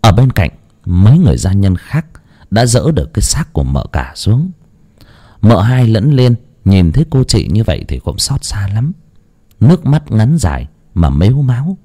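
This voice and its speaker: A man's voice: fairly low pitch, dark tone. A man narrating a horror tale in a dramatic storytelling manner.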